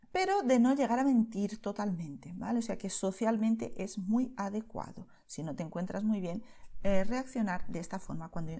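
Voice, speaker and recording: A woman's voice: medium pitch, darkish tone. A woman from Spain with a Spain Spanish accent, teaching Spanish to beginners in a patient, explanatory way and often checking in with the learner.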